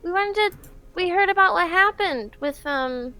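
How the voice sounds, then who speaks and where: A woman voicing an earnest, concerned young adventurer who speaks in a gentle, halting way. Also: very high-pitched, expressive, heavily acted.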